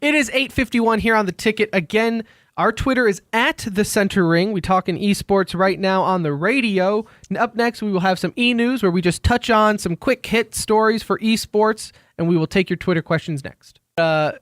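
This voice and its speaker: High-voiced chatty man hosting radio. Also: normal speed, a bit bright, no room sound, clean studio sound. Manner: chatty, joking, throws to segments. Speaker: radio show host. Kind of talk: casual esports radio talk.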